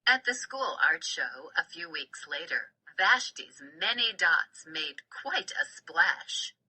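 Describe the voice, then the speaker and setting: A woman reading a children's storybook aloud in a deliberate, expressive way. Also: lowish voice, husky, low-quality recording. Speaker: storybook reader. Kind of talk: scripted storybook narration.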